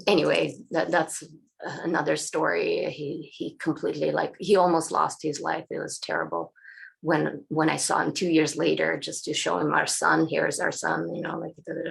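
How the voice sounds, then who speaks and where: Gravelly woman, voice giving out. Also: low-pitched. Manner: frank, halting, many restarts. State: losing her voice, clearing throat. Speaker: interview guest, facilitator. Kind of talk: candid personal storytelling.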